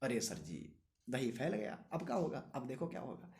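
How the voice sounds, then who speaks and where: A whiny male student who drags out his words in a plaintive, complaining tone, as a teacher puts him on, grumbling that the class wore him out. He speaks a little lower and softer than the teacher's own voice. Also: sing-song, normal speed, lightly acted. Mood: dismayed.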